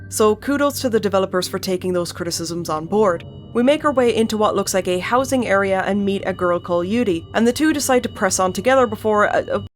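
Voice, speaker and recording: A woman hosting a game video essay in a chatty, casual way, swearing and laughing often. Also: medium pitch.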